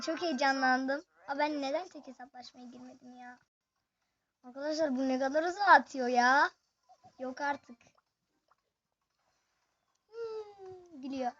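High-voiced gaming host, excitable live play-by-play, chats to viewers, dull lo-fi home recording. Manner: excitable, chatty, addresses viewers constantly. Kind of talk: excited live gameplay commentary.

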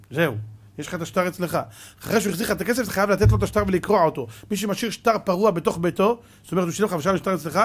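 High husky-voiced male rabbi. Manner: dramatic storyteller, acting out parables. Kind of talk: sermon.

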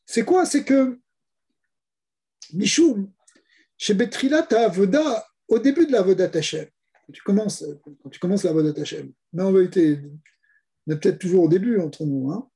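A man's voice: high-pitched, animated, moderate pace, gravelly, long pauses, mellow, husky. A man, a rabbi, giving a Torah lesson, explaining step by step with rhetorical questions and repeated key words. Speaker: rabbi teaching.

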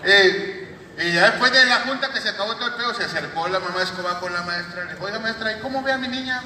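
A Mexican man doing stand-up comedy, telling crude jokes deadpan and landing them with a catchphrase. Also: high-pitched, quick pace, slight background noise. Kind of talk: stand-up joke telling on stage. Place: large auditorium. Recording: echoey hall audio from far off, loud crowd.

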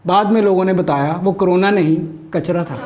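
A middle-aged stand-up comedian with a Pakistani accent performs a scripted satirical monologue, recorded on a lapel mic with some background noise. His voice sits high and moves a little fast.

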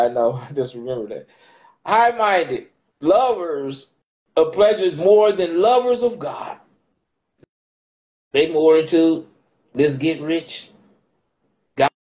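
A middle-aged man teaching the Bible informally to a phone camera in a small room, quoting scripture in a preaching cadence and lifting his voice on key words. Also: on the high side. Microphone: phone camera held close. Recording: dull lo-fi phone audio.

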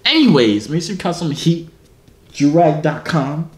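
A man's voice: a little high, unhurried. A man in his twenties with an American accent, chatting casually and slangily as a video host. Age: 20s. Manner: animated, slangy. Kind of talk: casual vlog chat. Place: indoor home gym, seated before camera. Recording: echoey room, clear background noise.

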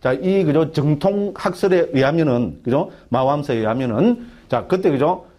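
A man, a Buddhist monk, giving a lively dharma lecture in a Gyeongsang dialect, often asking his listeners for agreement. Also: on the high side, normal speed. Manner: keeps asking the audience for agreement, animated and colloquial. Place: temple education hall.

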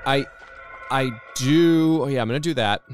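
A man's voice: mid-range voice, normal speed. A man playing a game and reacting casually as he goes. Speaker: game player. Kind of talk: casual live gameplay reaction. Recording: game music behind the voice.

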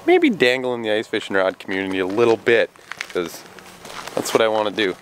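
A man in his thirties, an excitable fishing vlogger, talking casually outdoors by a lake and in a small boat into a handheld camera. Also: lowish voice, brisk, slight background noise. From Minnesota. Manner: excitable, hyped-up fishing talk. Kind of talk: casual outdoor vlog talk. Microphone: camera mic, handheld at arm's length then on a mount. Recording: outdoor camera audio with music behind. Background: music.

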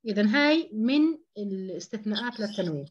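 A woman's voice: mid-range voice, lively intonation, fairly quick, highs cut off. A woman teaching an online tajweed lesson, explaining step by step, repeating key terms and asking rhetorical questions. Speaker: Quran recitation teacher.

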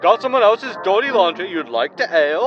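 In a science fiction audio sitcom, a male actor voices a brash, excitable tabloid radio announcer, loud and high-pitched, pushing showy hype. He talks briskly over music, and the recording sounds muffled.

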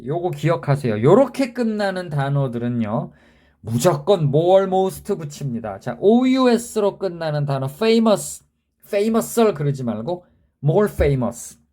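A man's voice: a little high, very animated, slow pace, warm tone. A man teaching a grammar lesson, who spells out word endings letter by letter and keeps quizzing the viewer in an emphatic way.

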